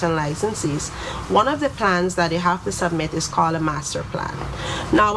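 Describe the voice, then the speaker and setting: A woman methodically explaining legal duties, listing terms and quoting the act. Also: fairly low pitch. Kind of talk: explanatory talk on law. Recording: noisy background ambience.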